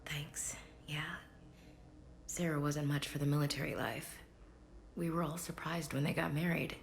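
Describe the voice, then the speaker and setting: Video game soldier woman, low voice w/ some fry, earnest, proud, grieving, faint music. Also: level tone, moderate pace, a little hiss or hum. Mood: quiet, grieving. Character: wounded female soldier, proud, earnest, grieving big sister. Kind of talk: video game dialogue acting.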